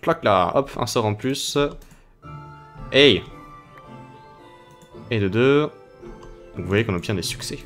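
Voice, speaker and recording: A young man with a French accent talks through his game in a slightly low voice, playful and chatty as he addresses his viewers. Faint game music plays quietly behind him. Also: lively intonation, slow, pauses often. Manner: chatty, playful, talking to viewers while playing. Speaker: gaming video host. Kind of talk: casual Let's Play commentary.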